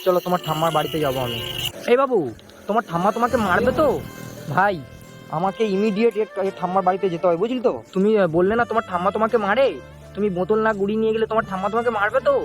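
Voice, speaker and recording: A man vlogging in the street, gently coaxing and soothing a small child while making emotional asides to a friend. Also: high-pitched, very fast. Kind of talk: street vlog talking to a child. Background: music.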